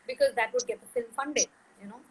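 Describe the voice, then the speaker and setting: A woman's voice: a little high, quick pace, a little hiss or hum, rough recording. A middle-aged woman, a film director being interviewed, speaking thoughtfully with frequent fillers and restarts. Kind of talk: interview conversation.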